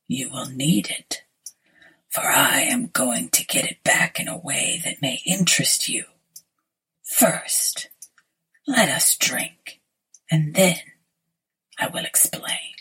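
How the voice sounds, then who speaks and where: A woman voicing a pale, cold male stranger who speaks in a slow, hushed whisper in a storybook reading. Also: rumbling low, lively intonation, breathy edge, pitched below the performer's own voice, exaggerated voice, poor audio.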